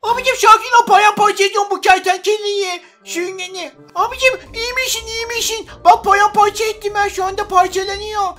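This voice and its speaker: A man voicing an excitable, boastful little boy in a game role-play. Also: very high-pitched, fairly quick, few pauses, pitched above the performer's own voice. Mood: excited.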